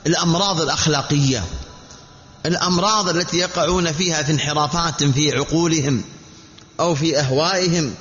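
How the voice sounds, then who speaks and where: Male preacher, slightly high voice, measured sermon delivery, dull reverberant hall recording. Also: a bit bright, slight background noise. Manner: measured, repetitive teaching delivery with rhetorical questions. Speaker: Islamic preacher.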